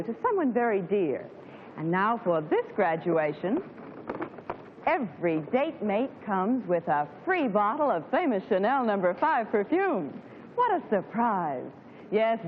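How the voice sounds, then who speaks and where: A woman's voice: medium pitch, phone-quality sound. A woman presenting a scripted live commercial on 1950s television. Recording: thin, hissy 1950s television broadcast.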